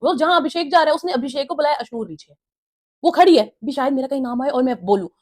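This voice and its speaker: A woman's voice: high voice, lively intonation, quick pace, a little mellow. A woman giving a casual, opinionated review of a reality show episode, retelling the housemates' quarrels and mimicking their lines.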